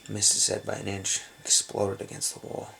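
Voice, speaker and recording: A man playing a gravelly hushed tough guy. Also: completely flat delivery, normal speed, slight background noise, full character voice. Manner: hushed, low confessional storytelling, often near a whisper. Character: hardened adult man from a rough Brooklyn upbringing. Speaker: actor. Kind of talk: dramatic film monologue.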